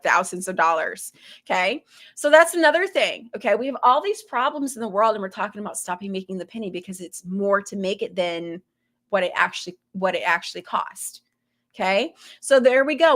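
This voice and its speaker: A woman's voice: mid-range voice, fairly bright tone. A woman from Florida with a faint Southern lilt, hosting a casual commentary to her viewers, talking in a suspicious, rhetorical way and checking in with "okay?" after each point. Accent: slight Southern US. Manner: conspiratorial, rhetorical, keeps adding "okay?". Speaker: host.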